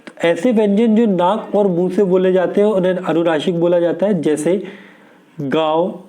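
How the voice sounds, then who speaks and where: A man's voice: sits high, fairly even intonation, normal speed, warm tone. A man teaching an exam prep lesson, going through questions steadily and asking and answering his own questions.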